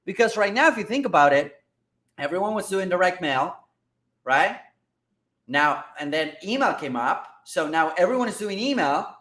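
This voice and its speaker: A man hosting casual business commentary on advertising, energetic and excitable, often checking in with "all right?" and "guys". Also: sits high, moderate pace, reverberant. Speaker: marketing host.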